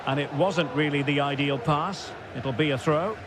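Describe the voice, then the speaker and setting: A man playing an excitable football commentator in a video game, raising his voice to shouts on goals. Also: a little high, normal speed, natural voice. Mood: measured, attentive. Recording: loud noise behind the voice.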